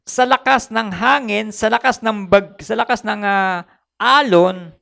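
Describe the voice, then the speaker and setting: A man's voice: very high-pitched, vocal fry, a bit bright. A man with a Filipino accent preaching a sermon as pastor, switching between Tagalog and English and repeating phrases for emphasis.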